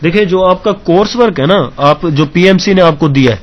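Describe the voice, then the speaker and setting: A man's voice: sits high, highs cut off. A male teacher giving an exam-prep lecture, explaining step by step, often asking if students follow and mixing English terms into his talk. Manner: keeps checking understanding with questions.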